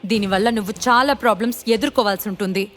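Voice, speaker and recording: A woman's voice: medium pitch, quick pace, fairly bright tone, soft background music, lightly acted. A woman voicing a young married woman who speaks seriously and warns in a storybook audio drama. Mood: stern. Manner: serious, warning. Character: stern young married woman standing up to a villain.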